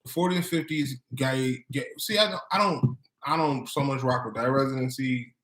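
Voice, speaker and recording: A man's voice: mid-range voice, normal speed, a bit bright. American man chatting in an echoey room. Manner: hesitant, repeats himself, slangy. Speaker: vlog co-host. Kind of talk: casual chat. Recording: roomy, echoing sound.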